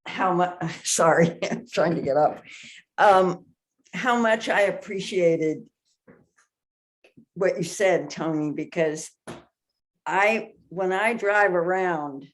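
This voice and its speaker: An older woman speaking on a group video call, halting and searching for words. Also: fairly low pitch. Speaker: community member. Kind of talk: casual chat on a group call.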